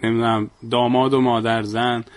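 A man who is a guest poet and humorist, speaking in a measured way and reciting verse with a storyteller's pacing. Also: mid-range voice, little pitch movement, no room sound. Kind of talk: conversational interview with poetry recitation.

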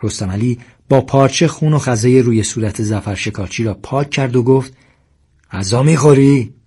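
Brief: husky male narrator, measured audiobook storytelling, mid-pitched. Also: a little mellow.

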